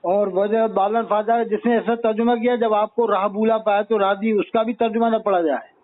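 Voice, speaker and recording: A man's voice: high voice, fairly even intonation, normal speed. A man asking a cleric religious questions, deferential and full of eager praise. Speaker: questioner, interviewer. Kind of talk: religious discussion. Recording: tinny phone-like recording.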